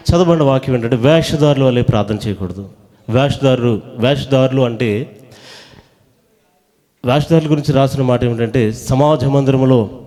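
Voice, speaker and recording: In a church hall, a man with a mid-range voice preaches a sermon, urging the congregation to call back their answers loudly.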